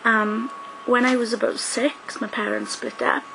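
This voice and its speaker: Speaking a little slowly with vocal fry, this young South Welsh woman has a higher voice with fairly even intonation. She vlogs casually into a nearby webcam from a small indoor room, littering her speech with "um"s and "like"s over a noisy background.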